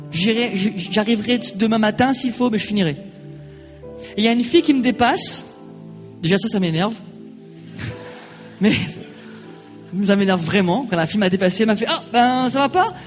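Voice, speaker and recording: Brief: high-pitched male pastor, animated storyteller, church reverb, faint music behind. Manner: animated storytelling, acting out quoted voices. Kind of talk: sermon with personal anecdote.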